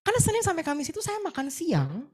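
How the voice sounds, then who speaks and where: A young woman shares a personal testimony from the pulpit. Her fairly high voice rises and falls in wide, lively swings as she acts out her own words and prayers. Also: fast. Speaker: preacher sharing a testimony. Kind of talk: sermon testimony.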